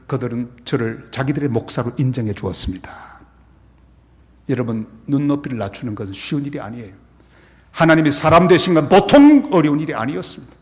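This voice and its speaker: A middle-aged man preaching a revival sermon as pastor, telling stories and acting out scenes and quotes as he goes. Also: mid-range voice. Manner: animated, acts out scenes and quotes. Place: church sanctuary. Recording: long church-hall reverb.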